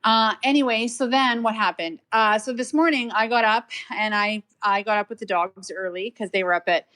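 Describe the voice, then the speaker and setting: A middle-aged woman co-hosting a podcast from home, telling a story in a chatty, animated way. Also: mid-range voice, normal speed. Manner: chatty, animated storytelling with playful voices for pets. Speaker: podcast co-host. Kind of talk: casual storytelling chat. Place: at home with dogs nearby. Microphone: home mic on a live audio stream.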